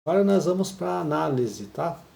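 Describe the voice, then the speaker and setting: A man's voice: a little high, sing-song, moderate pace, creaky, mellow, echoey room. A man explaining a Japanese listening lesson patiently, often checking in with his listeners. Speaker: Japanese teacher.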